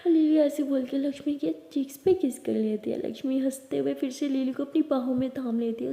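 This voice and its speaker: A woman's voice: high-pitched, mellow. A woman narrating a love story in a chatty, conversational way with casual asides. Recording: echoey room with long reverb.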